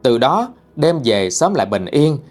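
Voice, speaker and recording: Southern vietnamese guy telling ghost stories, very animated pitch, soft music behind. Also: unhurried. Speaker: ghost story narrator and channel host. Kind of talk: storytelling narration.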